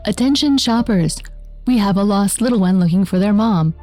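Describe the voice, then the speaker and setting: A female store employee pages shoppers over the store loudspeaker, as a woman puts her on. The polite, measured announcement has a dark, mellow tone. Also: medium pitch, soft background music.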